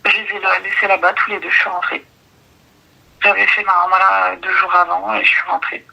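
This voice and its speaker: A woman's voice: mid-range voice, little pitch movement, a little fast, vocal fry, sharp tone, breathy edge. A woman calling in who tells her story hesitantly, with many fillers, and keeps checking in with "tu vois.". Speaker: caller. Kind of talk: confiding personal story. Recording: tinny phone line.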